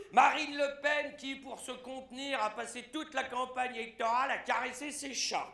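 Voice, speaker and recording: A man performing a satirical press review on stage, animated and breaking into shouted punchlines. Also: very high-pitched, roomy sound. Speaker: stand-up satirist. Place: theatre stage.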